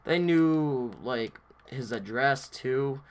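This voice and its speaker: A man's voice: mid-range voice, very slow, clean tone. A young man vlogging, telling a story in a rambling, casual way with lots of filler words.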